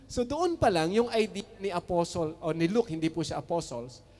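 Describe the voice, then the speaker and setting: A man's voice: sits high, lively intonation, moderate pace, darkish tone, in a large hall. A man preaching a sermon as pastor, switching between Tagalog and English with chuckling asides.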